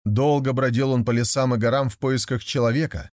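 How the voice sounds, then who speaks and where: A man narrating a fairy tale in an expressive storybook manner. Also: medium pitch, a little fast, no echo, studio quality. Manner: expressive, animated reading.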